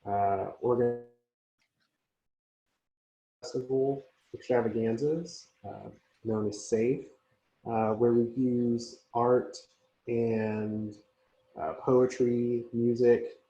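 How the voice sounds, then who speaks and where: A man speaks over a conference call line that sounds dull and muffled, with a roomy echo around his voice. His delivery is slow and halting, with many pauses, and his tone is mellow and soft-edged. The call audio keeps breaking up. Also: mid-range voice, steady tone. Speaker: community organizer. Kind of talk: speaking as a guest on a panel.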